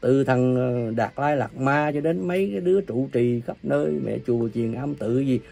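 A man preaching an angry, ranting sermon, cursing and scolding his listeners with coarse insults, his volume swinging from loud bursts to low mutters. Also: lively intonation, moderate pace, gravelly, soft background music. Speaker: self-proclaimed religious preacher.

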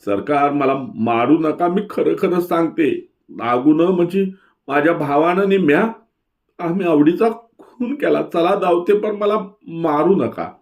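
A man voicing a shrewd village woman who turns frightened and begs for mercy, in a high, pleading voice. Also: a little slow, close to an everyday voice.

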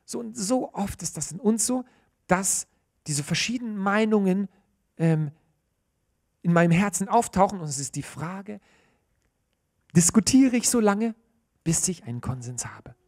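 A man in his thirties preaching a sermon in church, earnest and animated, often restarting mid-phrase. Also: high-pitched, unhurried, pauses often.

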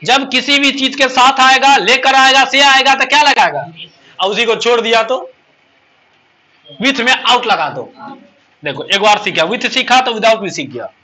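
A male English teacher runs a classroom lesson. His voice sits high and sounds bright. He keeps asking his students questions as he explains each point. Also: a little slow, poor audio.

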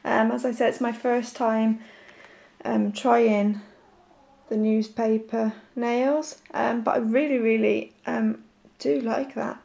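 Croaky woman w sore throat, lots of vocal fry, kinda high pitched, halting chatty vlog. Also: steady tone, mellow. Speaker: nail art vlogger. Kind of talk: casual chat to camera.

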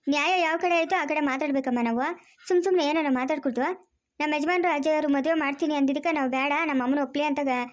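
A woman's voice: high voice, natural voice. A woman voicing an argumentative grown daughter in a cartoon family drama, pleading and insistent. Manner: pleading, insistent, fast-talking.

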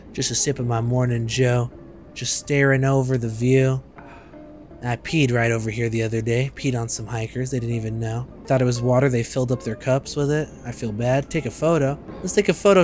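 A young man in his twenties giving casual, joking commentary while streaming a game, with loud outbursts and swearing, on a studio mic. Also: mid-range voice, fairly even intonation, normal speed, soft background music. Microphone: studio mic on arm.

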